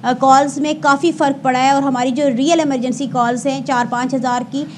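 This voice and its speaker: An emergency service spokesperson with a Pakistani accent speaks in a very high, level-toned voice while being interviewed. She formally explains statistics in a blend of Urdu and English, sometimes pausing or correcting herself. There is faint noise in the background.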